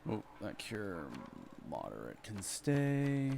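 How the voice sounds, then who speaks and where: A man's voice: lowish voice, huge pitch swings, slow pace, vocal fry, background noise. A man hosting a casual let's play, reading item descriptions aloud and muttering asides as he shops. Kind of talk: casual gameplay commentary.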